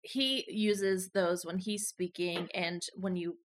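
A woman co-hosting a relaxed podcast in an easy, conversational way. She teases her partner and laughs readily. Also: fairly low pitch, slow. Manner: teasing, laughs often. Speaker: podcast co-host. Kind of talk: casual chat.

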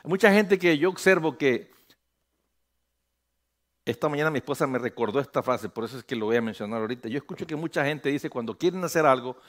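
A pastor preaching a sermon on a church stage, animated, slipping English phrases in and building to loud emphatic peaks. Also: male voice, medium pitch, brisk. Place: church stage under bright lights.

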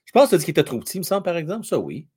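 A middle-aged man with a Québécois accent doing live fan commentary on a hockey game, shouting at plays and then dropping to a mutter while chatting with viewers. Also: fairly high pitch, wildly swooping pitch, rapid-fire, husky. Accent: Québécois French.

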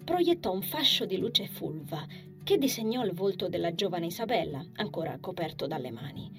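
A woman reading a fantasy novel aloud in a calm, even storytelling manner. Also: lowish voice, moderate pace, faint music behind. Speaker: audiobook narrator. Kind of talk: scripted narration.

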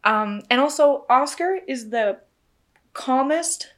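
A woman's voice: high voice, expressive, slow. A woman co-hosting a casual podcast, talking in a chatty way with lots of filler words. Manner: chatty, many "like" fillers, laughs easily. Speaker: podcast co-host. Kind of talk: casual chat.

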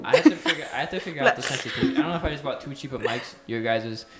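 A man's voice: mid-range voice, sing-song, rapid-fire, over a noisy crowd. A young man hosting a casual podcast with friends, talking in a laid-back, slangy way, recorded at home on cheap mics with hiss. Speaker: podcast host. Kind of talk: casual chat.

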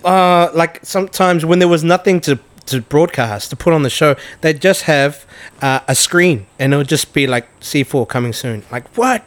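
A man's voice: on the high side, normal speed. A man in his thirties with a New Zealand accent, chatting casually and slangily and acting out bits of dialogue. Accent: New Zealand (Kiwi). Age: 30s. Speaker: podcast co-host. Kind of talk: casual anecdotal chat.

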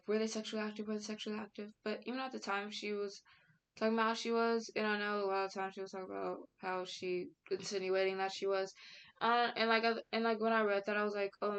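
A woman's voice: mid-range voice, a bit bright, clear, resonant tone. A young woman giving casual reaction commentary, rambling with many fillers, restarts and slang. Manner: outspoken, frequent casual slang. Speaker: commentary vlogger.

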